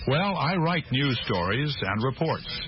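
A man playing a friendly male news reporter from Chicago, speaking clearly and at a measured pace in a scripted language-course dialogue. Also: medium pitch, sing-song, noisy background. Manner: clear, measured teaching delivery. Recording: muffled lo-fi studio recording.

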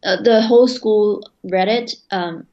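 A young woman from Hong Kong, a student, speaks in casual interview answers full of fillers and self-corrections. Her voice is mid-pitched for a woman. The sound comes through a dull, lo-fi video call line. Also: measured pace, darkish tone. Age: young adult. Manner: hesitant, many fillers and restarts.

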